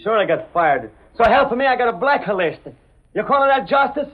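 An actor playing a brash, scrappy little cab driver with an American accent, wisecracking in mangled slang, old-time radio acting. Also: male voice, very high voice, very animated, normal speed, full character voice. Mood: cocky, chummy. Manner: mangles big words, wisecracking street slang. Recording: muffled vintage radio recording.

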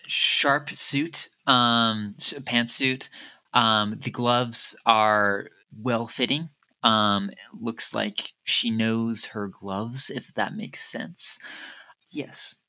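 A man narrating a murder-mystery tabletop game as game master, speaking unhurriedly and haltingly with many fillers. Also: fairly low pitch, fairly even intonation, bright, forceful tone.

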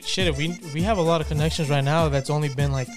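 A man's voice: fairly high pitch, fairly even intonation, fast, over music. A man in his twenties, a videographer guest, chatting casually in a laid-back, slangy way and swearing freely. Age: 20s. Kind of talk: casual podcast chat.

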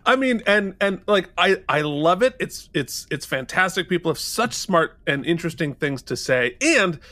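A man's voice: high-pitched, very animated, normal speed, pushed and bright, dry recording. A man in his forties co-hosting a podcast, chatting casually, playful and joking as he reads out listener ratings. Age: 40s. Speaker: podcast co-host.

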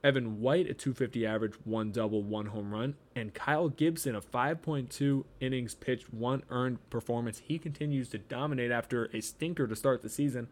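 A man hosting a podcast, reading off a weekly sports recap as quick lists of statistics. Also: medium pitch. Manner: reels off stats in quick lists. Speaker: podcast host.

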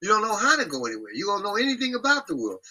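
Bright husky guy ranting loose in a group talk, cussing a lot. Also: high-pitched, very fast, rough recording. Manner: blunt, profane, animated ranting. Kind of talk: casual group chat.

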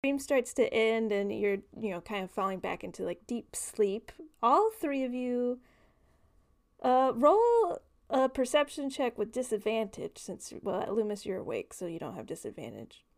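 A woman's voice: fairly high pitch, big pitch swings, a little slow, darkish tone. A woman narrating as game master in a casual, hesitant way.

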